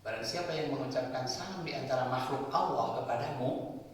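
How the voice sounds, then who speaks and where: A man's voice: mid-range voice, a little fast, slight background noise. A male preacher gives a sermon, explaining point by point and asking and answering his own questions. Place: mosque hall. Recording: echoey hall, voice from far off.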